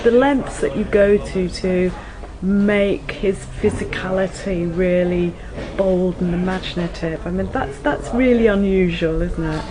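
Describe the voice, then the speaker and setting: A woman's voice: fairly low pitch, unhurried, crowd noise, rough recording. A woman interviewer asking questions in a complimentary way.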